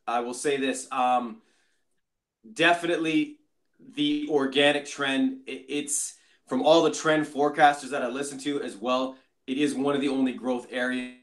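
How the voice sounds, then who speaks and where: A man co-hosting a casual chat over an online call, with upbeat, rambling speech heard through a bad, choppy connection that keeps dropping out. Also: mid-range voice. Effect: bad connection, choppy audio dropping out. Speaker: podcast co-host. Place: home in western Canada, remote call. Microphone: video or voice call.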